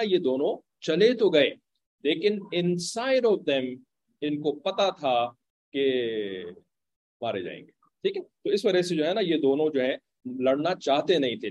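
A man tells a religious story in an easy, conversational way, pausing often to check that his listeners are following and slipping in English words. His voice sits somewhat high for a man. The recording is dry and close, with no room echo. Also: darkish tone, dull audio.

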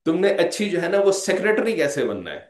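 A man's voice: high voice, big pitch swings, quick pace, reverberant. Man giving a lecture. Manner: conversational, repeats "theek hai" as a check-in; mixes English phrases into speech. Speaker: religious lecturer. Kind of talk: Islamic lecture.

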